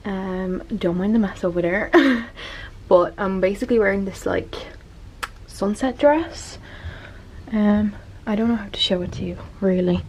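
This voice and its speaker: A woman talking casually to the camera as she vlogs her travels. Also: mid-range voice. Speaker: vlogger. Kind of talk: casual travel vlog chat. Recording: echoey, loud ambient and vehicle noise.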